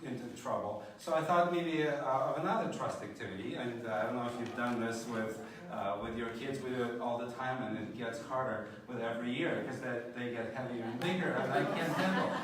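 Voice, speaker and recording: A middle-aged man from Ukraine giving a friendly, joking conference keynote with frequent fillers in a large auditorium. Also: mid-range voice. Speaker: keynote speaker. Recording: very echoey hall from far off.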